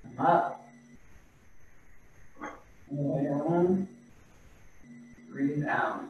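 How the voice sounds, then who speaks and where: Man giving slow qigong breathing cues. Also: fairly high pitch, lively intonation, slight background noise. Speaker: qigong instructor. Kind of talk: guided exercise class. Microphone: video call. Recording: echoey distant video-call audio, dull and lo-fi.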